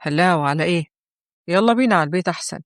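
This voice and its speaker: A woman's voice: on the low side, animated, racing, no echo, clean studio sound, close to an everyday voice. A woman with an Egyptian accent voicing a sulky, defensive teenage boy in a told story. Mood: defiant. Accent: Egyptian Arabic. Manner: sulky, protesting.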